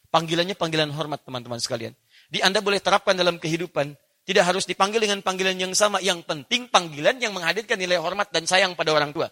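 A man preaching an Islamic study sermon, animated, quoting Arabic verses and putting questions to his listeners. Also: high-pitched.

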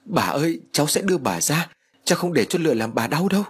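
A man's voice: fairly high pitch, very animated, quick pace, breathy edge, pitched above the performer's own voice, full character voice. A man voicing an anxious young grandson who speaks earnestly to his dead grandmother. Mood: desperate. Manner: earnest, pleading.

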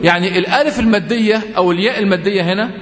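A man with an Egyptian accent teaching Quran recitation rules, explaining patiently with lots of repetition and slowly drawn-out example readings. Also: high voice. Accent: Egyptian Arabic. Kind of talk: tajweed lesson. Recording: echoey room with long reverb.

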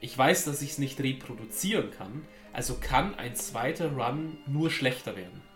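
A man co-hosting a casual podcast, speaking calmly and reflectively. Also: mid-range voice, normal speed, faint music behind. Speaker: podcast co-host. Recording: echoey room.

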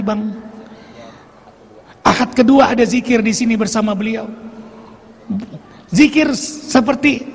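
High raspy-voiced man preaching with fervor. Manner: fervent, rousing, calls out to the congregation. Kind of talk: sermon. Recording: long hall reverb.

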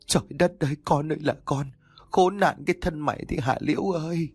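A man's voice: fairly high pitch, animated, moderate pace, creaky, husky, dry recording, pitched above the performer's own voice, heavily acted. A man voicing a distraught older village mother who is weeping and pleading, in a narrated story. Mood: wailing. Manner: wailing, pleading.

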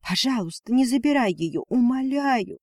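A man's voice: sits high, lively intonation, unhurried, darkish tone, dry recording, studio quality, pitched above the performer's own voice. A man voicing Ninalia, a proud female dragon and mother who fights for her weak daughter, speaking in a defiant, pleading manner. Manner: pleading then spitting defiance.

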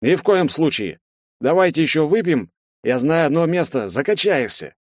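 A man narrating an audiobook, voicing Bartynov, a boisterous and merry young man who talks loudly and jovially. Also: a little high, big pitch swings, normal speed, dry recording, clean studio sound, voice pushed up. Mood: exuberant. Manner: loud and jovial.

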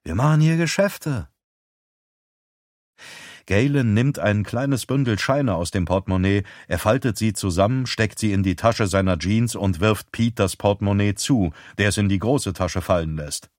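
Low-voiced male audiobook narrator. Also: normal speed, few pauses, darkish tone, dry recording, clean studio sound. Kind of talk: scripted narration.

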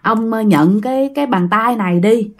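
Soft pleading wife, higher voice, a woman doing her. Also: normal speed, natural voice. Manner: begging, low and soft. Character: pleading rural wife begging a ghost.

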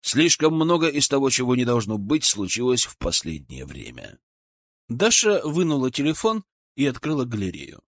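A man narrating an audiobook with expressive, animated reading. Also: medium pitch, moderate pace, dry recording, studio quality.

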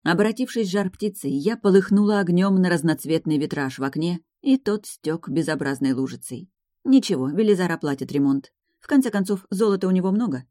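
Low, mellow woman narrating a fantasy. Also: expressive, fairly quick, no echo, studio quality. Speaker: audiobook narrator. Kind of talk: first-person fantasy audiobook narration.

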